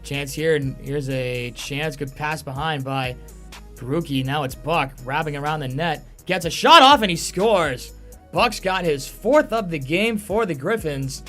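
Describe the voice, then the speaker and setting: Male play-by-play caller for lacrosse, highish voice, excited shouted goal calls, music behind. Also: measured pace. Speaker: play-by-play commentator. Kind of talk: live lacrosse play-by-play commentary.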